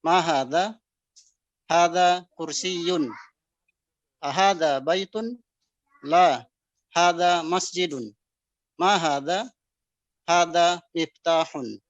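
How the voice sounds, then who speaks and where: A man with an Indonesian accent, a student reading aloud slowly and carefully in an online class. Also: a little high, dry recording. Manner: reads slowly and carefully, hesitant. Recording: dull lo-fi online call audio.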